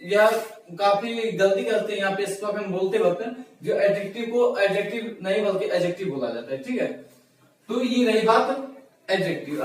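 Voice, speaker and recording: A man teaching a grammar lesson, explaining patiently, repeating key words and asking himself rhetorical questions. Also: high-pitched. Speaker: English teacher. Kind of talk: classroom-style grammar lesson. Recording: echoey room, mic far from speaker.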